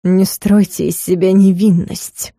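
A woman voicing a cold, menacing dragon lord in an audiobook, speaking slowly and hissing through clenched teeth. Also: medium pitch, flat delivery, mellow, no room sound, studio quality.

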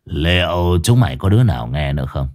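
A man voicing a cold, menacing middle-aged gang boss who talks slowly and threateningly. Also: extremely low pitch, expressive, darkish tone, pitched below the performer's own voice. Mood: cold menace.

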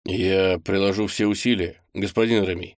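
A man's voice: low-pitched, fairly even intonation, normal speed, no echo, studio quality, close to an everyday voice. A man voicing a polite, deferential young male clerk in an audiobook, speaking formally and earnestly. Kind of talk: audiobook character voice.

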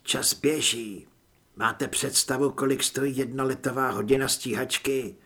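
A man voicing a cold, smiling male government official who speaks politely and with quiet menace, in a husky voice. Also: medium pitch, fairly even intonation.

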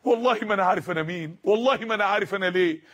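A male preacher voicing a troubled young man who stammers and pleads, in a husky, high voice. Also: rapid-fire, a bit bright. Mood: pleading.

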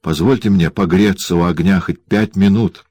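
A man's voice: low-pitched, steady tone, normal speed, a little mellow, no room sound, voice pushed up. A man voicing a meek, frightened wife who pleads timidly in an audiobook. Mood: pleading. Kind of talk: audiobook character voice.

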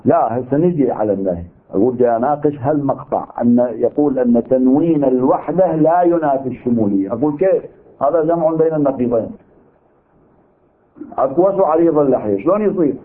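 A man's voice: mid-range voice, animated, fast, slightly rough. A man with an Iraqi Arabic accent teaching a seminary lecture on legal theory, arguing his point through rhetorical questions. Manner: argumentative, poses rhetorical questions. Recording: tinny narrow-band recording.

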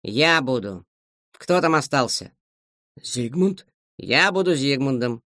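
A man's voice: medium pitch, slow pace, full character voice. A man voicing a blunt, terse man. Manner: curt, flat replies.

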